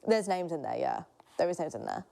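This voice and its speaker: Guest: fast-talking woman in her twenties, candid, swears a lot. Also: low-pitched, expressive, creaky, mellow. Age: 20s. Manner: candid, rambling, swears freely. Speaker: podcast guest, social media creator. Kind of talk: casual chat.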